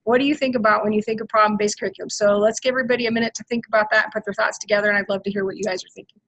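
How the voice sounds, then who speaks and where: A woman's voice: medium pitch, steady tone, rapid-fire, fairly bright tone, dry recording, low-quality recording. A woman leading an online workshop for math teachers over a video call, upbeat and chatty, with many fillers. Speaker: math professional learning facilitator.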